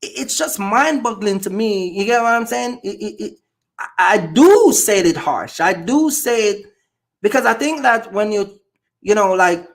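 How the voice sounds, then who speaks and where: This channel host is a man from Jamaica who speaks with a Jamaican accent in a high-pitched, gravelly, animated voice, moving a little slowly. Running a casual podcast conversation, he's blunt and emphatic and tends to say things over and over.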